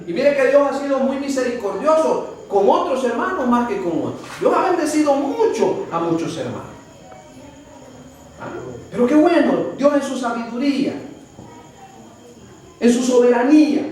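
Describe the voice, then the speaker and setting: A male preacher with a Salvadoran Spanish accent leads a Bible study in a church hall, often calling listeners brother and posing rhetorical questions. His voice is extremely high, animated and darkish, at a measured pace with frequent pauses. Captured from far off in an echoey room, the recording carries faint ambience and a little hiss or hum.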